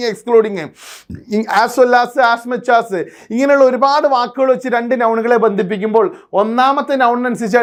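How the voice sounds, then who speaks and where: A man with a strikingly high voice teaches grammar for an entrance exam. He keeps asking his listeners questions and answers them himself, switching between Malayalam and words. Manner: quizzing listeners with rhetorical questions; mixing Malayalam with English terms. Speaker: English teacher. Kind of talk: exam-prep lecture.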